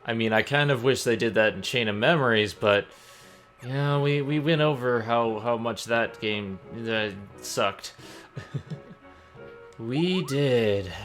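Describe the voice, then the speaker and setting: A man's voice: medium pitch, takes it slowly, fairly bright tone. A man giving conversational live commentary as a game streamer, with a touch of mock drama. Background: game music.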